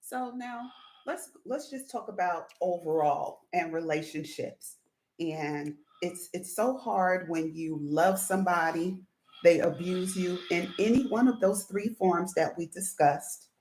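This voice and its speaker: Slow-spoken woman host in an echoey room. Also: fairly low pitch, a little mellow. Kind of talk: interview questions.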